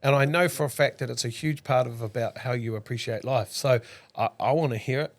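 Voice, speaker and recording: A man's voice: mid-range voice, brisk. A man hosting a casual interview, enthusiastic and chatty, with frequent agreeing fillers. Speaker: podcast host.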